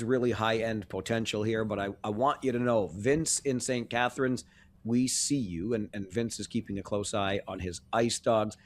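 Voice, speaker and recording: Male podcast co-host, easygoing, chatty, mid-pitched. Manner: genial, conversational, chuckles often. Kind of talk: casual sports podcast chat.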